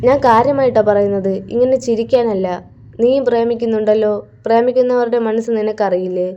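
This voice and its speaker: A woman's voice: fairly high pitch, brisk, warm tone, muffled recording, lightly acted. A woman voicing an earnest young man in love who speaks in an insistent, pleading way.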